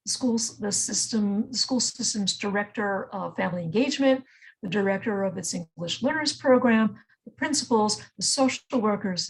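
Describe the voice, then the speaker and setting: A woman's voice: mid-range voice, low-quality recording. A woman grants manager answering on a webinar panel, hesitant, with many ums and repeated words. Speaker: grants manager at a music nonprofit.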